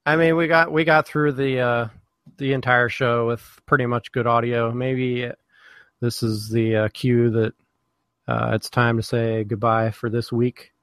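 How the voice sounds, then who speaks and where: A man hosting a live podcast in casual chat, halting with many fillers and restarts. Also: mid-range voice, flat delivery, fairly bright tone, clear, resonant tone, no room sound. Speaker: podcast host.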